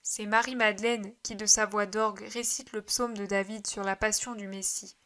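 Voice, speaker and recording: A woman's voice: mid-range voice, flat delivery, moderate pace, bright, forceful tone. A woman reading a devotional story aloud in an earnest narrating style. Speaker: audiobook reader. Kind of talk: scripted narration.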